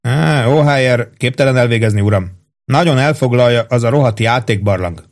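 A man's voice: medium pitch, natural voice. A man reading an audiobook, voicing a stubborn army first sergeant who answers in a clipped, dry, grudgingly obedient way.

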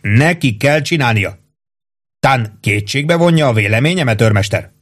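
A man's voice: mid-range voice, lively intonation, voice pushed up, lightly acted. A man reading an audiobook, voicing a pompous, fussy middle-aged army captain with a raised, insistent, self-satisfied voice. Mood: bossy.

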